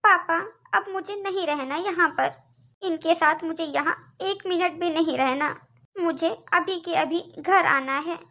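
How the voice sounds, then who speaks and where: Woman doing a very high, bright cartoon wife, complaining, argumentative, sharp-tongued. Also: unhurried, full character voice. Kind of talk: cartoon voice acting.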